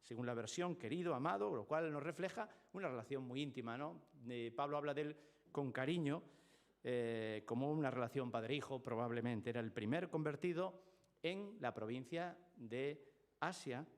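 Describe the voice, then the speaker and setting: A man's voice: mid-range voice, normal speed. Spanish man preaching verse by verse. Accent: Spain Spanish. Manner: explanatory, rhetorical questions. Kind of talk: expository sermon. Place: church.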